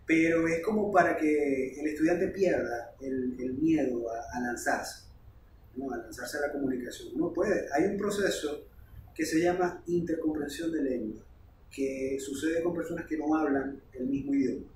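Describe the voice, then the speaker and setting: Teacher, male, animated explainer, slightly high voice, recorded far off in a roomy space. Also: moderate pace, slight background noise. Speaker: language teacher. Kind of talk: casual podcast conversation. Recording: roomy, distant mic.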